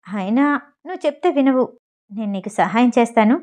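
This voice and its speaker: A woman's voice: a little high, expressive, brisk, mellow, close to an everyday voice. A woman voicing a young husband in an audio novel, reading his lines in a teasing, coaxing manner. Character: young husband, possessive and playful.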